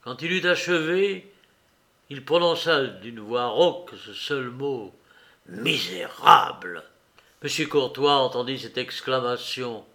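A man narrating a novel aloud with a slow, solemn, dramatic delivery. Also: mid-range voice, fairly bright tone.

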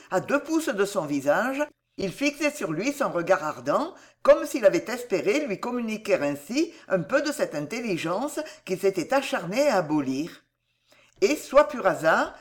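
An audiobook narrator telling an adventure novel with dramatic flair. The pitch sits in the middle but rises and falls a lot. The reading is expressive throughout.

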